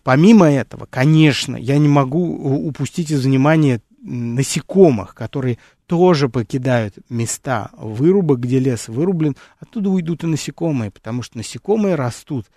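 A man's voice: mid-range voice, lively intonation, moderate pace, hardly any pauses, mellow, no room sound, studio quality. A man hosting an educational nature series, talking unscripted with frequent fillers, restarts and rhetorical questions, and calling his listeners friends.

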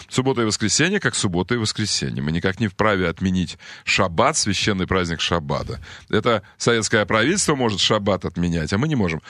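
A male radio host holds forth in a rambling, irreverent, joking manner. His voice is bright and his pitch swings animatedly, and the sound is close and dry with no room around it. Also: no room sound. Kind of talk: radio talk show.

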